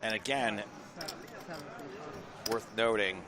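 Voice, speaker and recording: A man's voice: fairly low pitch, slow pace, a crowd in the background. A man co-commentating live on a poker tournament. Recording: clear background room noise.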